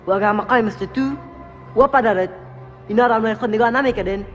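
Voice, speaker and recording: A sneering young bully with an Afghan accent, played by an actor, high and taunting. The film sound has a long reverb and a bed of music. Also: male voice, dull audio, lightly acted. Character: arrogant young male bully, menacing.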